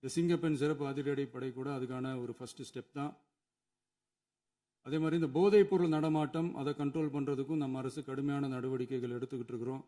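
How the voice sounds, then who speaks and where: A chief minister delivers an emphatic formal speech in a legislative assembly hall, building his points through repetition. His voice is a little high with a warm tone.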